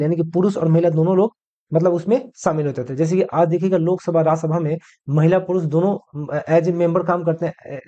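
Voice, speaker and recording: A man's voice: high voice, dark tone, dull audio. A male teacher giving an exam-prep history lecture, asking questions and answering them himself, dropping English words into his Hindi.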